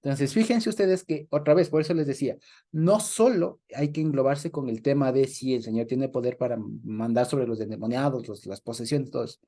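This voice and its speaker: A man's voice: mid-range voice, fairly quick, dark tone. A man with an Ecuadorian accent leading a Bible study discussion, laughing often and acting out the voices he quotes. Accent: Ecuadorian Spanish.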